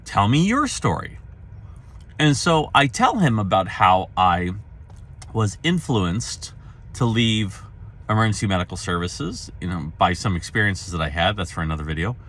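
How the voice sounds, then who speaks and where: A middle-aged man with a low voice tells the story of his own career in a casual way. His pitch moves a great deal, and he jumps up and down in pitch as he acts out the people in his anecdotes. He sounds like a trainer talking easily about his work. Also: lively intonation, normal speed, fairly bright tone.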